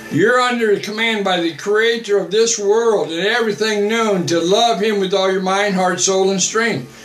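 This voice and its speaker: A man's voice: high-pitched, moderate pace, fairly bright tone, roomy sound, faint music behind. An older man, a missionary, hosting a home livestream, answering viewer comments in a blunt, repetitive way from a small home office. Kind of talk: livestream preaching and chat. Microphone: webcam at desk.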